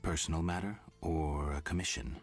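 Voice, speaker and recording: An actor playing a gruff, stoic warrior for hire in a video game, terse and deadpan. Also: male voice, rumbling low, normal speed, faint music behind. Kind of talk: video game dialogue acting.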